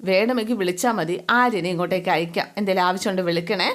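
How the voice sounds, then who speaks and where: A woman's voice: lowish voice, quick pace, lightly acted. A woman voicing a firm older mother-in-law who lectures her son's wife and then fusses kindly over her, in a retold TV serial story. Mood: reassuring.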